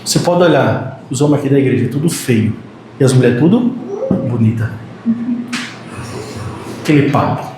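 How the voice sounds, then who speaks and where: A man preaching a sermon in Brazilian Portuguese, animated and joking with his congregation, now and then acting out short quotes. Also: mid-range voice, normal speed, pauses often. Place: church hall. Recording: very echoey church hall, faint noise.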